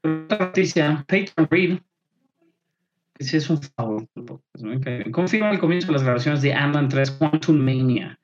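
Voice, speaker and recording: A man's voice: fairly high pitch, moderate pace, soft background music. A Mexican man co-hosting a podcast, chatting loosely with slang and casual swearing while his voice cuts out on an unstable online call. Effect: voice cutting out on an unstable online call. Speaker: podcast co-host. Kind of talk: casual chat about tech and movie news. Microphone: remote call from home. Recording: dull lo-fi call audio dropping out.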